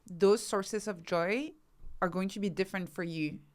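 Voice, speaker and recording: Here an author and researcher is being interviewed, her mid-range voice moving at a moderate pace. She explains her ideas with thought and emphasis, and tends to develop arguments by listing examples.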